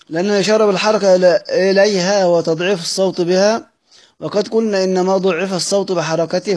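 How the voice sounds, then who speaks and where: A man with an Egyptian accent leads a recorded study lesson, his voice sitting a little high. He reads a classical passage aloud, then breaks it down in colloquial speech, asking himself questions and answering them as he goes. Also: darkish tone. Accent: Egyptian Arabic. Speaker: teacher of Quran orthography.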